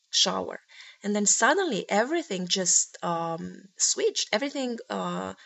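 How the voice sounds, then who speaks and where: A woman who works as a spiritual teacher, speaking earnestly to her viewers in a spiritual monologue and often pausing to search for words. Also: mid-range voice, gravelly, fairly bright tone.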